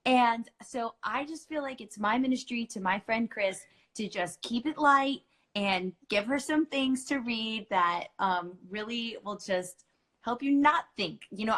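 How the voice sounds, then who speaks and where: A middle-aged woman hosts a book club in a casual chat, talking in a chatty, playful way with lots of fillers. Her voice is medium in pitch and a bit bright.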